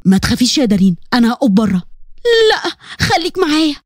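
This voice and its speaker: A woman voicing a calm, protective older brother with an Egyptian Arabic accent, speaking in a soothing but firm way. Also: on the high side, fast talker, no echo, clean studio sound, pitched below the performer's own voice.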